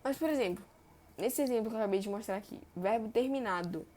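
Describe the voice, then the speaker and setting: A young woman, teaching verb tenses in a chatty way and stretching example words slowly. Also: fairly high pitch, a little mellow. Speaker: Portuguese grammar teacher. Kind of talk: explaining verb tenses on a board.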